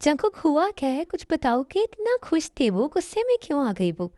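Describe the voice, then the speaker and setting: A woman's voice: sits high, big pitch swings, moderate pace, mellow, dry recording, clean studio sound. A woman voicing a worried mother in a fan dub drama, asking anxious questions.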